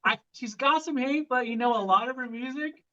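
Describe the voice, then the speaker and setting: A man's voice: extremely high pitch, fairly quick, pushed and bright. A man in a band answering interview questions casually and a bit hesitantly. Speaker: band member being interviewed. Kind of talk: casual chat. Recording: dull lo-fi sound.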